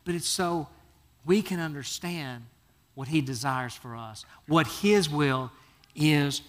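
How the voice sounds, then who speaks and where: A pastor preaches in a fairly high, lively voice, telling Bible stories slowly in casual, down-home language. He acts out the lines of the biblical characters as he goes, his voice rising and falling in animated storytelling.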